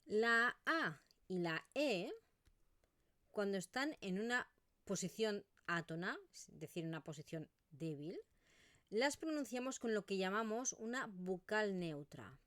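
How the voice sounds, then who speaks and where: A woman's voice: medium pitch, animated, measured pace, fairly bright tone, dry recording, clean studio sound. A woman with an Eastern Catalan accent teaching pronunciation in an online video lesson, modelling vowel sounds as she explains.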